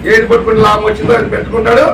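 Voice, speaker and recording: A man's voice: high-pitched, monotone, racing, vocal fry, fairly bright tone, roomy sound, far from the mic, a little hiss or hum, low-quality recording. A man giving a religious discourse to a live audience as a spiritual teacher, often putting questions to the listeners. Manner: keeps asking the audience questions.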